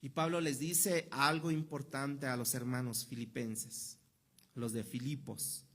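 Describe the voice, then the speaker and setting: A man's voice: medium pitch, fairly even intonation, measured pace, a bit bright. A Mexican pastor preaching a sermon in a conversational way, asking rhetorical questions and acting out the voices of people he quotes. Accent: Mexican Spanish. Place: church hall.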